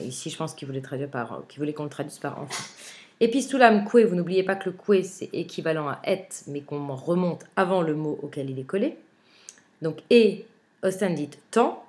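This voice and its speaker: Woman, Latin teacher; fairly low voice, patient word-by-word glossing, halting delivery full of fillers. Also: a little mellow. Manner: hesitant, with frequent "euh" fillers and restarts; reads Latin slowly, then glosses it word by word. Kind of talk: remote lesson, explaining a translation.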